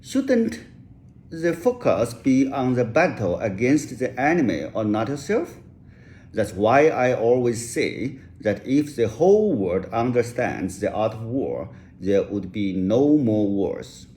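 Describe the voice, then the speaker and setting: In a rehearsed English lecture, a male author who grew up speaking Chinese sounds very animated despite a slow, careful pace. His voice is mid-range and dark, and he sometimes restarts his phrasing.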